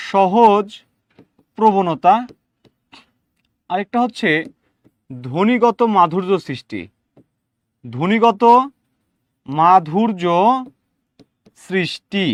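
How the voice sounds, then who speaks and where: A man teaching a class, repeating words aloud slowly and often asking his listeners whether they follow. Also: sits high, no echo. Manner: addresses listeners directly with questions. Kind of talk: classroom lecture.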